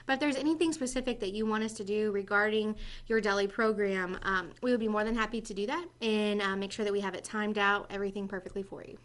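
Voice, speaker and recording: A woman's voice: medium pitch, fairly even intonation, quick pace, fairly bright tone. A woman co-hosting a casual business podcast, explaining in a confident, instructive way. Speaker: podcast co-host, marketing staff.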